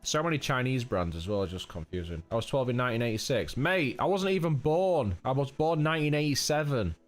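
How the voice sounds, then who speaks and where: A man's voice: mid-range voice, animated, fast, soft background music. A man in his thirties with a nasal voice, chatting casually to viewers during a game stream. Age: 30s. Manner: rambling, chatty, talks to chat as mate. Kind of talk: casual live-stream chat.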